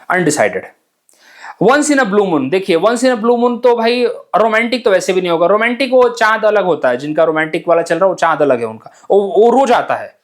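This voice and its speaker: A young man teaching exam vocabulary in a chatty, joking way, mixing Hindi and English and sometimes rushing his words. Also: high voice. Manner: talks fast at times, admits rushing words. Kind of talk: casual Hindi-English lesson.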